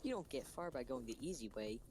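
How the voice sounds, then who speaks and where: A man talking through a voice changer that drops his voice very low, chatting casually while playing a game with friends. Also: expressive, brisk, noisy background. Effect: pitch-lowering voice changer. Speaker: player. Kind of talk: casual group game chat.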